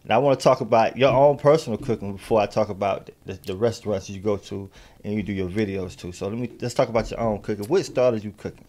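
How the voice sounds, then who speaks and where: A man's voice: on the low side, quick pace, dark tone. Rambling man in his thirties. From South Carolina. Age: 30s. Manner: rambling, repeats himself, keeps asking "you see what I'm saying". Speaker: podcast host. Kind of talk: casual interview chat.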